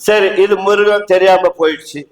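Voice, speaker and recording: A man's voice: high voice, steady tone, normal speed. A male pastor giving a sermon through an interpreter, talking conversationally and quizzing the congregation with questions. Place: church. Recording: echoey church hall.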